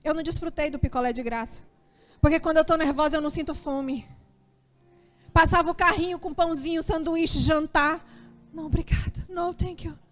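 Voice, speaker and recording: High-voiced Brazilian woman pastor, animated sermon. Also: fairly quick. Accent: Brazilian Portuguese. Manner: animated storytelling, acting out her own anxious prayers. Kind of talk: sermon testimony.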